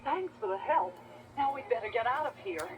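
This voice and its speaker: An actress playing a bold young rebel princess, firm and caring, in a children's read-along story. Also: female voice, fairly high pitch, expressive, fairly quick, heavy background noise, close to an everyday voice. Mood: gentle. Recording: dull distorted cassette toy, music behind.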